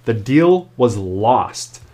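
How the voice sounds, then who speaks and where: A man's voice: medium pitch, very animated, very slow, darkish tone. Upbeat male sales consultant narrating. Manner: upbeat, emphatic storytelling, punchy numbered points. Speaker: sales consultant and show host. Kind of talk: narrated case study and advice.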